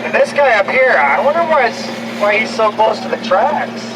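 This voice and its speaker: A man with a high voice narrates a zoo train tour in an easy, joking announcer manner. His voice comes over an outdoor loudspeaker, heard from some distance. Vehicle and street noise sits clearly under it. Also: sing-song, moderate pace. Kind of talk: scripted tour narration with jokes.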